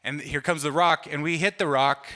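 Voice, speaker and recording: A man's voice: a little high, fairly even intonation, normal speed, sharp tone. A middle-aged man doing stand-up, rambling through a story with self-deprecating asides, many fillers and restarts, on a hall stage. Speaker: comedian. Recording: long hall reverb from a live venue.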